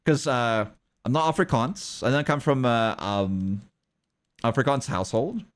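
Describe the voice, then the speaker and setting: Chatting casually on his livestream, a South African man with a mid-range voice keeps a measured pace. His accent mixes South African English with Australian and American, and the streamer and artist rambles, chuckling often as he talks back to chat.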